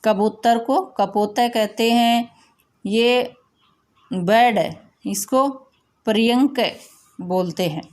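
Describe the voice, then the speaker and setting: Slow, patient woman teacher. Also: on the high side, a little mellow. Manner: slow, patient explanation with repeated instructions. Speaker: school teacher. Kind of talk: recorded classroom lesson.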